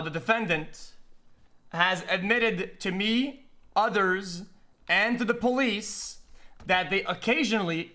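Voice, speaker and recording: Man, high voice, bright tone, formal methodical role-play witness.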